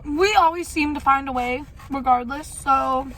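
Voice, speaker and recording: A woman's voice: high-pitched, a little slow, fairly bright tone, low-quality recording. A young woman talking casually and candidly in a rambling life-update vlog, with some mild swearing. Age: young adult. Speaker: vlogger.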